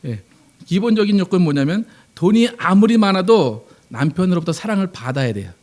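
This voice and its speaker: A man's voice: high voice, lively intonation, fairly quick, a little mellow. A man, a pastor, preaching a Sunday sermon in a conversational way, asking the congregation questions and acting out quoted lines.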